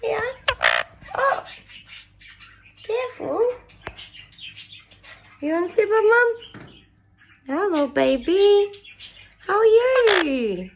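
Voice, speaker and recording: A woman coos at her pet birds in a very high, swooping baby-talk voice, drawn out slowly and full of kissing sounds and little laughs. It is picked up on a phone with a lot of background noise around her. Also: very animated, gravelly. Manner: sing-song, affectionate, repeated kisses and laughs. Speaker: pet bird owner. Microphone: phone camera.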